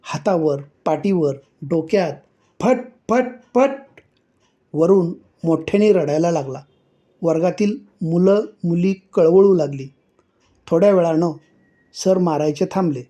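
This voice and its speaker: A man reading a short story aloud in a measured, expressive storytelling manner. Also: on the high side.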